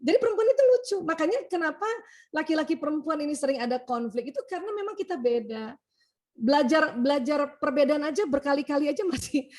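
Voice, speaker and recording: A middle-aged woman doctor giving a lively talk on emotions and family, animated and chatty, often tagging phrases with "ya" and acting out bits of dialogue. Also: sits high. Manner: animated, acts out quoted dialogue, laughs often; frequent "ya" tag at phrase ends.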